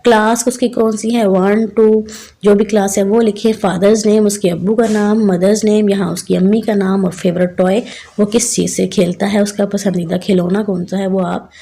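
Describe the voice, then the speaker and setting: A woman teacher explaining a children's English textbook, reading each line slowly and then explaining it to young pupils. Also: mid-range voice, flat delivery, creaky, mellow. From Pakistan. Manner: addresses children as beta and bachchon.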